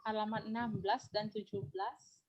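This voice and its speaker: A woman teaching a class, explaining slowly and repeating points while asking pupils questions. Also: mid-range voice, flat delivery, lo-fi sound, crowd noise.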